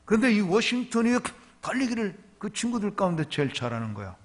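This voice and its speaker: A pastor preaching at a revival meeting, telling a story with lively delivery and questioning the congregation. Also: male voice, high voice, brisk, husky. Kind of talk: revival sermon.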